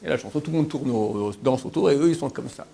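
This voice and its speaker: Talking fast in a gravelly, medium-pitched voice, a rabbi leads an informal Torah class sermon full of stories. He performs the quotes with animation and restarts often. There's slight background noise.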